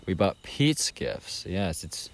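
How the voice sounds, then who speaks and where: A man's voice: sits low, very animated, slow pace. A young man co-hosting a podcast, rambling through a casual story with plenty of fillers. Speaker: podcast co-host. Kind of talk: casual chat. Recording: noisy home recording.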